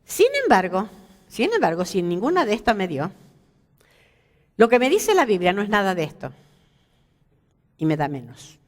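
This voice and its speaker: A woman's voice: mid-range voice, moderate pace, pauses often, long reverb tail. A woman teaching a Bible lesson at a women's seminar, asking her listeners questions and joking about herself. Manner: lively, asks the audience questions, jokes about herself. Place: church hall.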